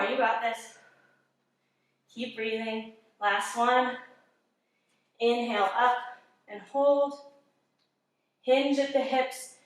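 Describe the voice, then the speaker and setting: Echoey, encouraging woman yoga instructor. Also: fairly high pitch. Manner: calm, encouraging cues timed to breath. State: slightly out of breath. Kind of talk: guided workout instruction. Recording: very echoey room, mic at a distance.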